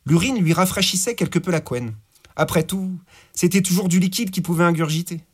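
A man's voice: sits high, fairly quick, breathy edge. A man narrating a gritty crime story in slangy, vivid audiobook style. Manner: slangy, vivid, voices characters. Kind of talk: audiobook narration with character voices.

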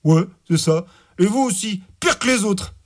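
A man voicing a slow-witted, mocking male thug henchman in an audiobook, with slangy speech. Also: high-pitched, animated, voice pushed up. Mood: taunting.

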